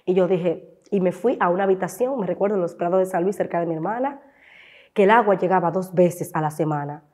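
This woman speaks fast in a lowish voice with a darkish tone. A content creator with a Dominican accent, she appears as a talk show guest, sharing her personal story with feeling and acting out remembered voices.

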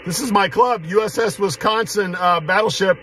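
A man's voice: sits high, normal speed. An American man in late middle age chatting casually as he operates a ham radio from inside a car. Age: 50s or 60s. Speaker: amateur radio operator and vlogger. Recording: radio static behind the voice. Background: radio noise.

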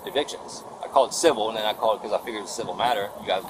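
A man telling his own story in a casual, animated and rambling way, full of restarts and quoted exchanges. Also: lowish voice, very fast. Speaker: tenant vlogger. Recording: noisy outdoor body cam footage.

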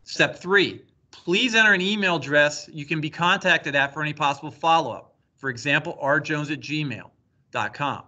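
Man, technology coordinator type, bright and a touch high, steady instructional screen-recording read. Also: moderate pace. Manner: plain step-by-step instructional delivery. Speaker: school district technology coordinator. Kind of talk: screen-recorded tutorial walkthrough.

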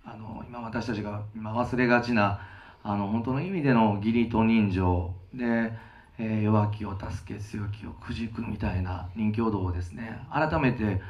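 A man's voice: fairly low pitch, moderate pace, muffled recording. A man who heads a construction company, giving a humble stage greeting. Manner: humble, warm-hearted praise. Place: cinema theater stage.

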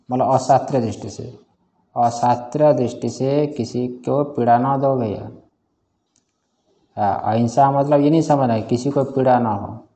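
A man's voice: mid-range voice, dark tone. A man teaching a scripture class in a casual way, often quizzing his students and chuckling. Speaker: Vedanta teacher.

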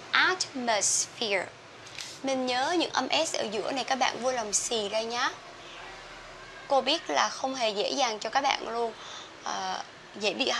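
A young Vietnamese woman teaching English pronunciation, saying each word slowly twice and then explaining. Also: on the high side, background noise. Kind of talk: pronunciation drill lesson.

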